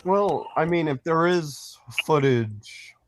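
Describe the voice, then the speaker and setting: A man's voice: on the high side, expressive, slow pace, slight background noise. A man co-hosting a casual fan podcast, talking in a rambling, hesitant way with many restarts. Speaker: podcast co-host.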